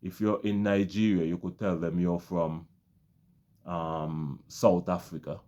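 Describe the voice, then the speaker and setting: A man speaks straight to his viewers in a very low, dark, mellow voice. He sounds earnest and keeps repeating himself, and he often calls his audience his friends. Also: little pitch movement, measured pace. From Caribbean. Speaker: vlogger. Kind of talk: casual talk to camera.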